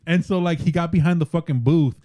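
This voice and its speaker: Young male podcast co-host. Animated, profane storyteller who acts out quotes. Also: fairly high pitch, brisk. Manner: animated storyteller, swears often, jumps into quoted voices. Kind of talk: casual podcast chat.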